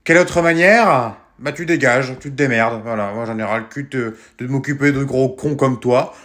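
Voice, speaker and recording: A man's voice: mid-range voice, normal speed, a bit bright, close to an everyday voice. A man playing a rude town hall clerk who is fake-polite and then insulting in a comedy sketch.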